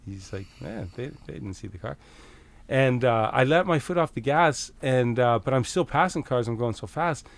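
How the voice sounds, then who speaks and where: A middle-aged Canadian man telling a story as a podcast guest, casual and animated, swearing freely and acting out the back-and-forth. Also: mid-range voice, normal speed, gravelly. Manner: animated, swears freely, acts out quoted exchanges.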